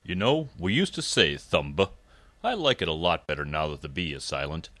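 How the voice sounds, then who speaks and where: A man voicing a deep, animated word buff. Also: a little fast, no echo, heavily acted. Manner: animated storytelling. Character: cheerful man who loves word history.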